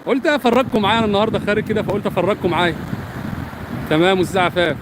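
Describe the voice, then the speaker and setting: An Egyptian man streams from the beach on his phone, talking to his viewers in a rapid, chatty stream. His voice sits high for a man, and he keeps swearing by God as he goes. Strong wind noise buffets the phone mic. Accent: Egyptian Arabic. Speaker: vlogger. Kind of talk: casual live-stream chat to viewers.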